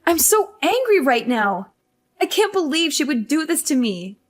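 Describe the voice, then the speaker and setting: A woman's voice: high voice, very animated, a little slow. A woman voicing a frustrated young career wife who pleads and complains about her mother-in-law. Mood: exasperated. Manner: pleading, exasperated. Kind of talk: animated story voice acting.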